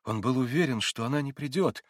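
A man's voice: medium pitch, a little fast, no room sound, voice pushed up, lightly acted. An earnest young man, read by a man whose words come out urgent and heated. The voice is dry and close to the mic.

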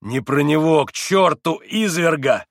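A man's voice: medium pitch, animated, moderate pace, dry recording, studio quality, natural voice. Ivan, a man playing a tormented young man. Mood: frantic. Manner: shouts and demands, then turns cold.

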